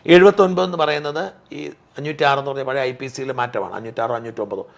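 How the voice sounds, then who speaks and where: A man's voice: medium pitch, fast talker, vocal fry. A man co-hosting a political talk show, arguing and explaining legal sections point by point. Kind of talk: casual political discussion.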